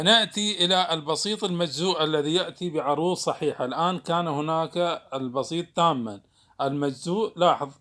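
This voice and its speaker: A male teacher with a voice a little above the usual pitch, working through a recorded lesson on poetic meter. He talks slowly and deliberately and spells out each syllable. He stops now and then to restart a thought. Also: fairly bright tone.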